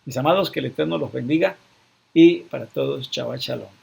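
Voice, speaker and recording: A man's voice: mid-range voice, a little fast, creaky, a little mellow, slightly rough. A man with a Colombian Spanish accent teaches a sermon on the weekly Torah portion. He speaks earnestly, restates each point, and checks in with his listeners through short tag questions.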